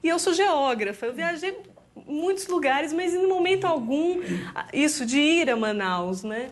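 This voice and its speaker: Animated Brazilian woman telling her story. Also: high voice, a little slow. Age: 30s. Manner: animated storytelling with frequent "né?" tags, laughing. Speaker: guest. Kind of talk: personal story in a TV interview.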